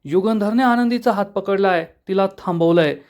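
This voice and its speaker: A man's voice: sits high, normal speed, darkish tone, natural voice. A man reading as an eager, hopeful older mother.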